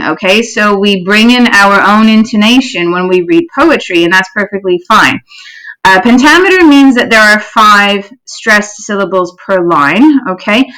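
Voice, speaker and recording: A woman teacher giving a recorded poetry lesson to pupils, explaining clearly and patiently, often checking in with "okay?" and reading verse slowly. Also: mid-range voice, fairly bright tone, low-quality recording. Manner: reads verse slowly, stressing syllables.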